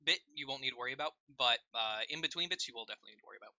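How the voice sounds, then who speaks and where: A man's voice: mid-range voice, racing, sharp tone, no echo, muffled recording. A man running a tabletop role-playing game, patiently explaining rules over a voice call with many fillers. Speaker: game master.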